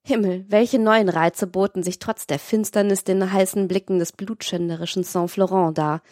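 A woman narrating a classic novel as an audiobook in a measured, literary manner. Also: mid-range voice, fairly even intonation, darkish tone, no room sound, clean studio sound.

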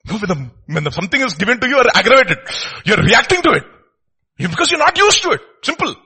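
Husky, animated Indian man preaching. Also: very high-pitched, fast talker. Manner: repeats short phrases and asks rhetorical questions. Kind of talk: informal expository sermon with questions to listeners.

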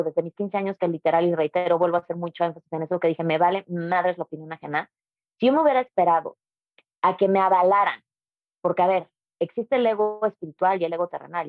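A woman's voice: lowish voice, dry recording, narrow, tinny audio. A woman with a Mexican accent, a yoga teacher talking as a guest in a casual interview, emphatic and conversational.

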